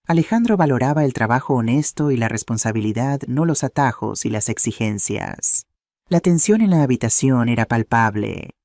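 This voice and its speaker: A man reading a dramatic first-person story in steady narration. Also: medium pitch, normal speed, dry recording, studio quality.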